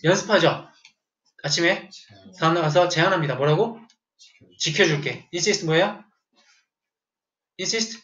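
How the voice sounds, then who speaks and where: A man's voice: on the high side, unhurried, pauses often, fairly bright tone. A man teaching English vocabulary to a class, telling a joking story and quizzing his students as he goes. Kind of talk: classroom lecture. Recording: echoey room, dull lo-fi sound.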